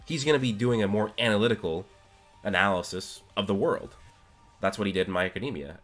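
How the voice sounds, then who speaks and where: Answering his viewers live, a streamer rambles casually about anime, often restarting his sentences. His lowish, slightly bright voice has grown scratchy over a long day of talking.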